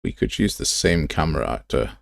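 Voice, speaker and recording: A man's voice: extremely low pitch, sing-song, a little fast, gravelly, a bit bright, no room sound, clean studio sound. A man hosting a game development livestream, talking casually and thinking aloud as he works in a rambling, informal, self-deprecating way. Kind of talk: casual live tutorial, thinking aloud while working.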